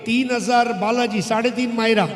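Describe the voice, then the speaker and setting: High-pitched man chanting auction bids, echoing hall. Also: little pitch movement, moderate pace. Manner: repetitive, clipped calling of bids and counts. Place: large echoing room at a live event. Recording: echoey hall with long reverb.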